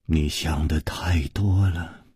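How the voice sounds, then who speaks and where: A man voicing a brooding, jealous woman who speaks in a low, hushed whisper. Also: big pitch swings, slow, breathy edge, no echo, studio quality, heavily acted. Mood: tense.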